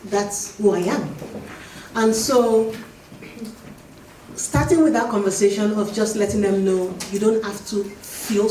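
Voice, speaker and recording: A woman author on a panel, answering an audience question in a reflective, emphatic way, slowing down to stress her points. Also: mid-range voice, warm tone. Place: event hall. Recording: echoey hall, distant mic, faint noise.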